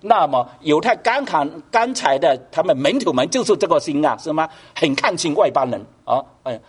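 A man's voice: fairly high pitch, animated, moderate pace, husky. A man preaching a sermon, asking the congregation rhetorical questions and pushing his voice up for emphasis. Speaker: pastor.

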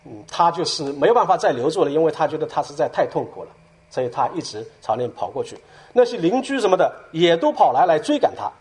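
A man speaking at church, retelling a story as a sermon in an animated way and dotting his talk with filler sounds. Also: a little high, quick pace, breathy edge.

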